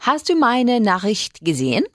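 A woman learning German, answering translation drills with quick replies. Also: on the high side, big pitch swings, dry recording, studio quality. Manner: quick, responsive, short affirmations. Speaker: student.

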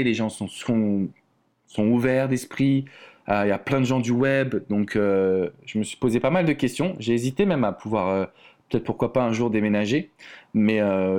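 A man from France, a relationship coach, talking casually as an interview guest with plenty of fillers and restarts. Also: lowish voice. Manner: relaxed, chatty, many fillers and restarts.

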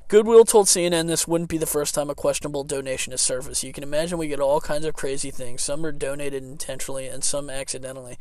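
A man's voice: fairly high pitch, fairly even intonation, fast talker, hardly any pauses, darkish tone. A man co-hosting a casual podcast, laughing through his sentences and trailing off with fillers as he reads news stories aloud. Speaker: podcast co-host.

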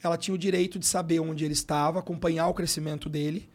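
As a podcast guest, a sports coach with a Brazilian Portuguese accent tells a personal story fast, in a fairly high voice with little pitch movement. His casual, emotional talk is full of slang and fillers such as "cara" and "brother."

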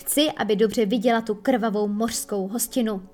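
A woman's voice: on the high side, steady tone, a little mellow, soft background music, natural voice. Woman doing a cruel, bellowing pirate captain. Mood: cold, mocking. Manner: slow, drawn-out, with sudden bellows. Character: menacing male pirate captain, cruel and theatrical.

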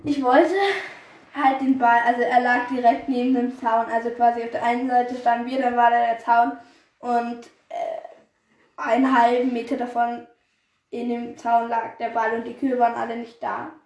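A woman's voice: a little high, level tone, normal speed, a little mellow. A teenage girl co-hosting a podcast, telling stories in a rambling, giggly way with lots of fillers. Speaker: podcast co-host. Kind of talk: casual storytelling chat. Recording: echoey room.

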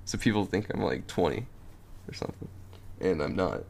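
Deep gravelly-voiced teenage boy. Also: animated, moderate pace, darkish tone, a little hiss or hum. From North Carolina, USA. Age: teens. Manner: laid-back, joking, laughs often. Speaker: podcast guest. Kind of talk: casual chat.

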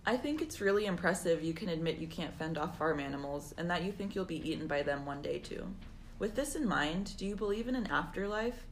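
A woman's voice: lowish voice, lively intonation, a little fast, slight background noise. Woman reading interview questions. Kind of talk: scripted mock interview.

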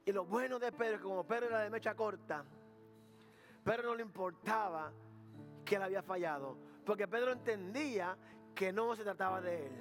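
A man's voice: high voice, a little fast, soft background music. A male pastor preaching a sermon, repeating phrases, asking the congregation questions and acting out the words of biblical figures. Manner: acts out dialogue between Jesus and Peter.

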